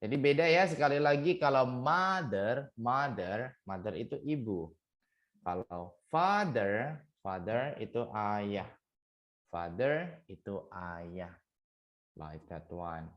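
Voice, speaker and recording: Slow, sing-song male language tutor. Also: lowish voice, lively intonation, dull audio. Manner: drills each word by slow repetition; mixes English words into teaching talk. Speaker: English tutor. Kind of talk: online vocabulary lesson.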